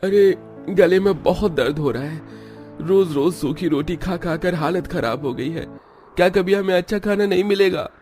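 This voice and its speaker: A man's voice: lowish voice, animated, normal speed, soft background music, natural voice. A man voicing a humble, earnest poor working man in a cartoon story. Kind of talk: cartoon voice acting.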